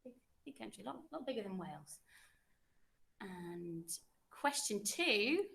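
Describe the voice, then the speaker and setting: A woman's voice: medium pitch, sing-song, measured pace, creaky, fairly bright tone. A young woman, a French teacher, running a classroom quiz with pupils in an encouraging, chatty way.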